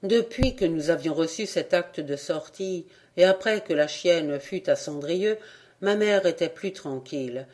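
Measured audiobook narrator. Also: mid-range voice, a little mellow. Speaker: audiobook reader.

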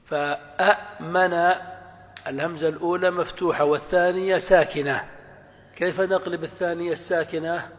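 A man's voice: fairly high pitch, fairly even intonation, normal speed. A man teaching a grammar lesson, explaining step by step and asking his students questions. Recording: long hall reverb.

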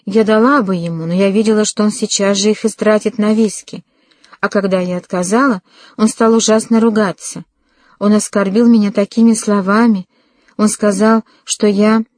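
A woman's voice: medium pitch, steady tone, moderate pace, darkish tone, no echo, close to an everyday voice. A woman voicing a proud young woman who turns hysterical and tearful, in an audiobook reading. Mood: sobbing. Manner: stiff and prim, then hysterical and tearful.

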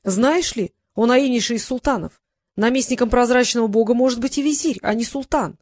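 A woman's voice: on the high side, fairly quick, darkish tone, no echo, studio quality, lightly acted. A woman reading an audiobook, voicing a scheming, haughty court vizier with a mocking, condescending tone.

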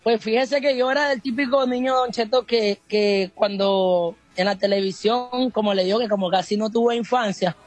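A man's voice: high-pitched, fairly even intonation, moderate pace, hardly any pauses, soft background music. A young man from Honduras, a rapper answering interview questions in an earnest, polite way. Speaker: guest rapper.

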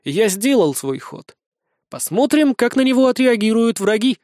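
A man's voice: very high voice, big pitch swings, normal speed, darkish tone, no echo, studio quality. A man reading first-person fantasy narration as an audiobook, with wry, sardonic asides.

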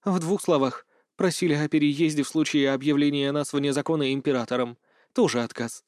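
A man narrates a fantasy audiobook in the first person. His storytelling is steady, his voice sits a little high, and the recording is dry and close. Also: brisk, no echo.

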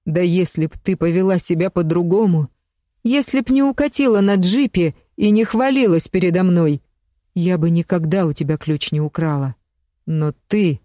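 A woman's voice: mid-range voice, darkish tone, no room sound, studio quality, close to an everyday voice. A woman voicing a bitter, envious woman in her late thirties. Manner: heated, accusing, then tearful.

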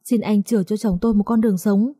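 A woman's voice: medium pitch, fairly even intonation, quick pace, dark tone, slightly rough, no room sound, clean studio sound, close to an everyday voice. A woman reading aloud, voicing a young wife who pleads and resists. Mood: pleading. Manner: pleading, defiant. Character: frightened young wife pleading for her husband.

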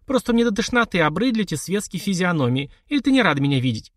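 A man's voice: high-pitched, big pitch swings, fast talker, fairly bright tone, no echo, studio quality, pitched above the performer's own voice, heavily acted. A man voicing a playful, mocking widowed society lady in an audiobook. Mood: teasing. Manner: teasing, flippant.

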